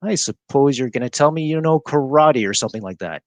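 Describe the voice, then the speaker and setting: A man voicing a huge schoolboy bully, speaking slowly, loudly and threateningly in a storybook reading. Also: mid-range voice, expressive, dry recording, pitched above the performer's own voice, close to an everyday voice. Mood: menacing.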